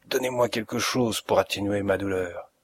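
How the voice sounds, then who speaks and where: A man voicing a gravely ill detective in an audiobook reading, weak, breathless and pleading, with a gravelly, husky voice. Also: fairly low pitch, normal speed, natural voice.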